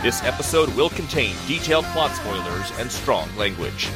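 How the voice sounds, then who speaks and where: An announcer with a lively, mid-pitched voice reads a scripted podcast intro. Very loud music runs behind the voice. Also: moderate pace.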